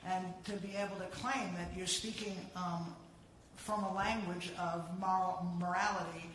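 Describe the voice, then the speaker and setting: A panel speaker who talks earnestly, pausing often as he searches for words. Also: high-pitched, steady tone, fairly bright tone, slight background noise. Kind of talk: panel discussion remarks. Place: panel event hall. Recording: very echoey hall.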